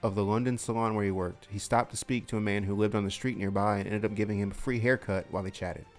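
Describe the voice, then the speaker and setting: A man's voice: on the low side, steady tone, fast, faint music behind. A man hosting a casual comedy podcast, rambling, laughing easily and swearing. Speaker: podcast host.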